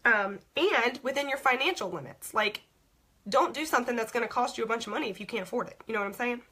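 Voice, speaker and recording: A young woman talks her team through goal-setting, blunt and chatty, tacking "okay?" onto her points. Her voice is bright but husky and wearing hoarse. She sounds like a leader coaching people she knows. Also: fairly high pitch, animated, fast. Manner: frank, repeats "okay?" often. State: voice going hoarse. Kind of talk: casual instructional talk.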